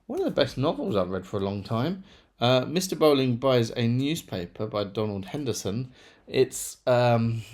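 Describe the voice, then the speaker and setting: A man's voice: mid-range voice, a little mellow. A man chatting casually through a monthly book review, rambling with self-deprecating asides. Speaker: book vlogger.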